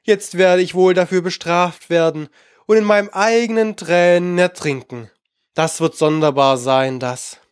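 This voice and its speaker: A man's voice: high voice, unhurried, clear, resonant tone, no room sound, clean studio sound. A man voicing a polite, curious young girl who talks eagerly and coaxingly.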